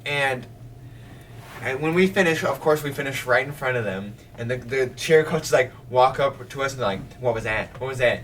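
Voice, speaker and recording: A man's voice: mid-range voice, normal speed. A young man co-hosting a casual podcast chat, telling stories animatedly with many fillers. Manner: animated storyteller, lots of "like". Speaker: podcast co-host. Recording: distant mic, faint room noise.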